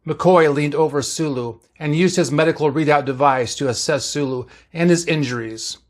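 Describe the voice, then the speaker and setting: A man reading fan fiction aloud as narrator, in a steady, plain storytelling way. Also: on the high side, moderate pace.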